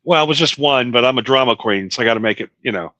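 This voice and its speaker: Bright, animated self-mocking male podcaster. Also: medium pitch, quick pace, no echo, lo-fi sound. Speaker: podcast co-host. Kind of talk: casual stoner chat. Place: small studio.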